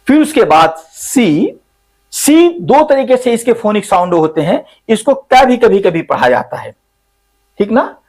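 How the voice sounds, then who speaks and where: Man, English teacher, unhurried, lively up-and-down pitch, repeats each sound. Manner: slow, repeats each sound several times. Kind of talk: spoken English lesson.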